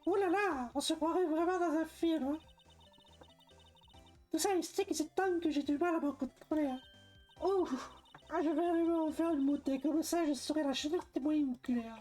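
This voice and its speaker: Man doing a giggly flirty falsetto witness woman. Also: moderate pace, a little mellow, soft background music. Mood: teasing. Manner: sing-song falsetto, teasing.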